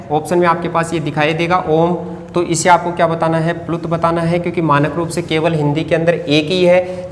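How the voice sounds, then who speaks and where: A Hindi grammar teacher giving an exam-prep lecture, who keeps posing quick questions and answering them, drawing out key words. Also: medium pitch, slight background noise. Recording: echoey room with long reverb, faint ambience.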